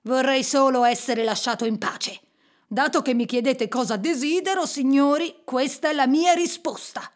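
A woman's voice: high-pitched, moderate pace, pitched above the performer's own voice, lightly acted. A woman voicing a miserly, grumpy old man who scorns everyone. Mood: scornful. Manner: sharp, scornful.

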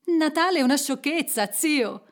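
A woman's voice: high voice, expressive, moderate pace, pitched above the performer's own voice. A woman voicing a cheerful young man full of good humour. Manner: bright, jovial.

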